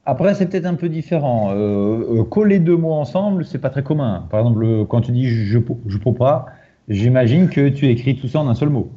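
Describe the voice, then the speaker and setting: A man from France with a French accent, explaining in casual conversation with many hesitant pauses. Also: medium pitch, animated, dark tone. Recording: dull lo-fi audio.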